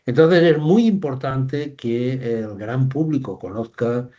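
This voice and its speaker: An older male professor, a guest on an interview, explaining in a measured way and often checking in with short tag questions. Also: mid-range voice, mellow. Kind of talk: academic interview. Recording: dull lo-fi sound.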